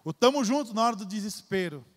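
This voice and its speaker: Speaking fast and expressively in a voice that sits high, this Brazilian preacher fills a large church hall. He's emphatic, repeats his phrases, and calls the congregation "querido" ("dear") in his Brazilian Portuguese accent.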